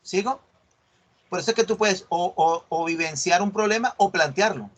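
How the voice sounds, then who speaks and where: A man's voice: high-pitched, normal speed. A middle-aged man, giving an online university class. He acts out dialogues with students and keeps checking that they follow. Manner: explains by acting out student dialogues, checks understanding often. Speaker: university lecturer. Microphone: video call.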